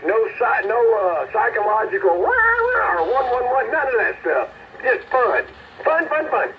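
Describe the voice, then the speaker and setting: Man on a mistuned ham radio, high and wildly swooping pitch, rambling jokes, dull muffled sound. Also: wildly swooping pitch, moderate pace, a little hiss or hum. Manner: joking, laughing, rambling. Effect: mistuned sideband radio reception, warbling pitch. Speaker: radio operator heard over the air. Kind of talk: casual radio chatter.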